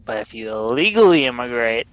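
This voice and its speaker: This young man from the Southern United States talks a little fast in a medium-pitched, sing-song voice with a Southern American accent. He's drunk and chatting casually while streaming a game, rambling bluntly and swearing.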